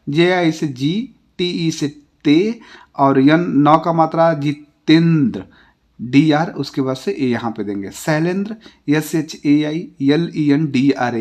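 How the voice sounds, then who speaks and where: A male teacher with an Indian accent walks through a lesson in a slightly raised voice. He spells each word out letter by letter at a slow, patient pace. His tone falls at the close of each example. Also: fairly high pitch, darkish tone. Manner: ends each example with a falling tone. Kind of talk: classroom lesson.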